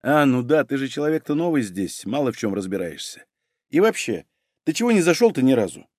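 A man voicing a loud, coarse middle-aged female head doctor who barks and gossips. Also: medium pitch, very animated, fairly quick, no room sound, studio quality. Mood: gossiping. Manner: coarse, bossy, barking.

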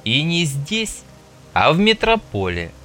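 A man's voice: on the high side, huge pitch swings, slow pace, pushed and bright, faint music behind, voice pushed up, exaggerated voice. A man voicing a wary male stalker who banters sardonically, in an audiobook reading. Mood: joking.

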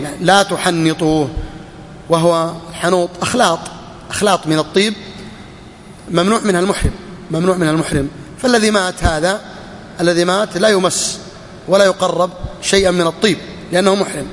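A man's voice: high-pitched, big-room sound, a little hiss or hum. A man, a sheikh, teaching a hadith lesson in a classroom way, repeating each phrase and putting questions to his students.

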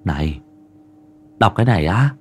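A man's voice: low voice, animated, moderate pace, breathy edge, pitched below the performer's own voice. A man voicing a hesitant middle-aged village clerk who sounds incredulous. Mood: doubtful.

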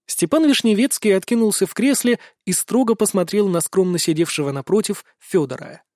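Male audiobook narrator, high voice, dry close recording. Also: brisk, darkish tone, no echo. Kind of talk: scripted narration.

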